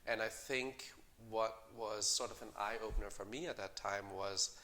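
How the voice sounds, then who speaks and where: A middle-aged man, a company co-founder, answering interview questions in a measured way with many fillers and restarts. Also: on the low side, fairly even intonation, bright, forceful tone. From Denmark.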